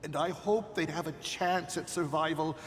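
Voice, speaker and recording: A man's voice: a little high, normal speed, a little hiss or hum, lightly acted. An actor playing a guilt-ridden, pleading father confessing his sins in a fervent, dramatic game performance. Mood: anguished confession. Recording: long hall reverb under loud music.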